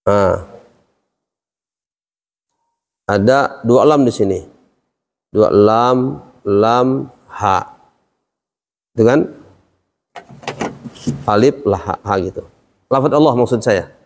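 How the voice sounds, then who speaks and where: A man's voice: lowish voice, slow pace, pauses often. A man teaching a class, explaining step by step and quizzing his students. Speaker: Quran recitation teacher. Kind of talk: classroom lesson. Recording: long reverb hall.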